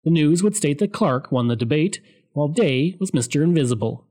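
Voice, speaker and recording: A man giving a scripted, steady explanatory narration of political history. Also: fairly high pitch, fairly quick.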